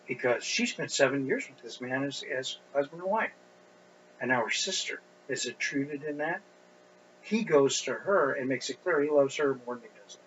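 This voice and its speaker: A middle-aged man preaching an expository sermon as a pastor, speaking deliberately and pushing up his voice on stressed points. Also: medium pitch, a bit bright. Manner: deliberate, with emphatic rising stresses. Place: church sanctuary. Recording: dull lo-fi recording with faint hum.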